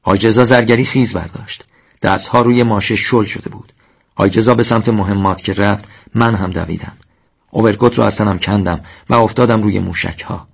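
A man narrating a first-person war memoir in a measured, solemn reading. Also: on the low side, steady tone, creaky, slightly rough.

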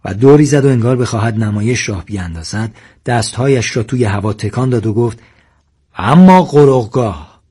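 A man narrating an audiobook story in a measured storytelling manner. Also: lowish voice, warm tone, breathy edge.

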